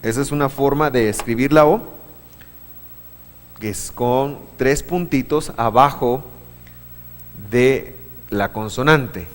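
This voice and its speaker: A man teaching a church class, patient, asking the room questions, with many halting restarts. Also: mid-range voice. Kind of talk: classroom lesson on Hebrew vowels. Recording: long hall reverb.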